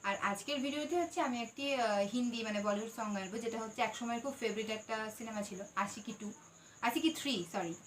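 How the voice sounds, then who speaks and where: A woman who hosts her own singing channel, talking quickly and chattily to her viewers with a few fillers. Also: a little high, a little hiss or hum. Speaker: channel singer. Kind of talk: casual channel talk to viewers.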